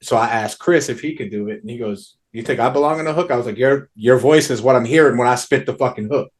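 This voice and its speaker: A man in his own plain mid-range voice talks easily about making his album. He leans on slang and swear words and keeps checking in with "you know what I mean". His delivery is relaxed and conversational. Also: mid-range voice, fast talker. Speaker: guest musician. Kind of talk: casual music chat.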